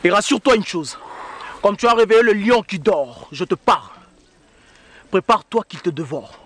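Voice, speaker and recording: A man's voice: high-pitched, expressive, moderate pace. Man playing a jealous, commanding Congolese boyfriend. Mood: threatening. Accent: Congolese French. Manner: commanding, then pleading and shouting. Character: jealous young man confronting his pregnant girlfriend.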